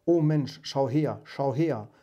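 A man's voice: medium pitch, moderate pace, mellow, lo-fi sound, soft background music, close to an everyday voice. A man reading aloud, voicing a solemn, sorrowful Christmas spirit in a raised, grave tone. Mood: accusing.

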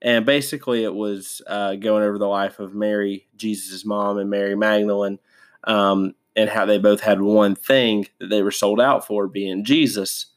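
The host of a devotional podcast speaks in a lowish, fairly even voice at a moderate pace. He's congested from a sinus infection and keeps things casual, often using fillers and starting over.

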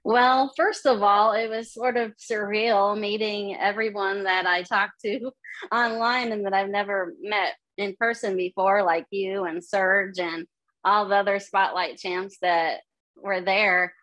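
A woman guest on a podcast, telling her story in a measured, friendly way. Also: medium pitch, fairly even intonation, fairly bright tone, poor audio. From Missouri, USA. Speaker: guest, retail digital coach. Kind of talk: casual interview chat.

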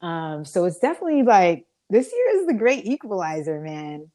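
A woman's voice: fairly low pitch, sing-song, normal speed, warm tone. A woman co-hosting a podcast, speaking earnestly and reflectively in casual chat. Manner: earnest and reflective, with frequent restarts and laughter. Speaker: podcast co-host and radio host.

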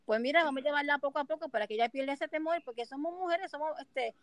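A woman talks casually, her voice a little high. She is expressive, acting out both sides of the conversations she recounts. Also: quick pace, no echo, rough recording. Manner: expressive, acts out dialogue in her anecdotes. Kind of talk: casual chat.

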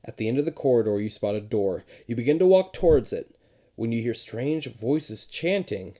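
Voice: mid-range voice, animated, moderate pace, warm tone. A playful narrator giving a theatrical read-aloud of a children's horror gamebook.

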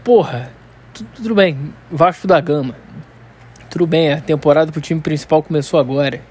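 Slangy Rio man with a higher-pitched voice. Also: moderate pace, breathy edge. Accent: Carioca, Rio de Janeiro. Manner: Rio street slang, heavy swearing; animated storyteller, stammers and repeats words. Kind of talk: casual unscripted solo rant.

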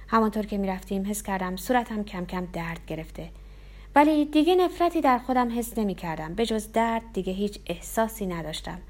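A woman's voice: mid-range voice, darkish tone. Woman narrating a tense first-person story. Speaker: audiobook narrator.

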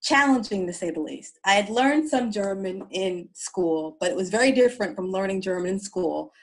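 A woman's voice: medium pitch, animated, normal speed, rough recording. A woman from the East Coast, telling her story as an interview guest, reflective and often repeating words as she searches for them.

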